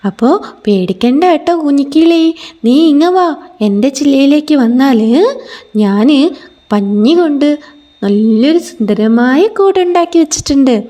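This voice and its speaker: A woman's voice: high-pitched, expressive, measured pace, warm tone. A woman voicing a kind little squirrel who coaxes and reassures a scared bird. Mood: coaxing. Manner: coaxing, reassuring.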